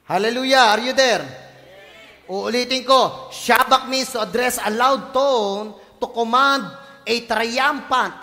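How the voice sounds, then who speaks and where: A male pastor from the Philippines, preaching a lively sermon full of jokes and playful voices. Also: extremely high pitch. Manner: animated, joking, playful voices and shouts, mixes English in. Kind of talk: lively sermon with comic asides. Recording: church hall reverb.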